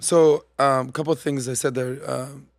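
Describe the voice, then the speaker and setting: A man in his forties hosting a podcast in a studio, chatting casually and acting out quoted voices with lively gestures. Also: medium pitch, moderate pace, vocal fry, no echo. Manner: animated storytelling, acts out quoted voices. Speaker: podcast host. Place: studio set. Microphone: studio mic on boom arm.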